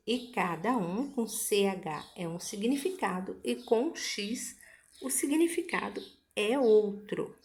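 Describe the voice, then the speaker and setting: A woman teacher reading a school lesson aloud, patient, going through the exercises word by word. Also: medium pitch.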